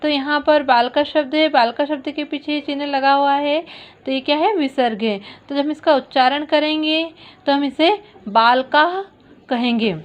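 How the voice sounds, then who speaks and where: A woman's voice: sits high, steady tone, dull audio. A woman teaching a recorded lesson to schoolchildren, explaining patiently step by step. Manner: slow, patient explaining to children.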